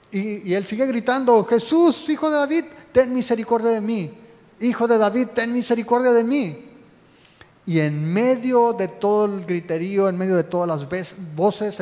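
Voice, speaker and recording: A man preaching a sermon as pastor, his voice swelling loud and then dropping low. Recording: long hall reverb.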